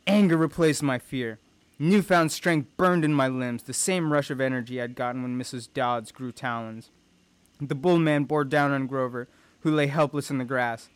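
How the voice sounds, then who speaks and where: A man's voice: mid-range voice, fairly even intonation, moderate pace, clean tone, no echo. A man reading a first-person adventure story aloud with tense, dramatic delivery. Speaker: audiobook narrator. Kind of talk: first-person audiobook narration.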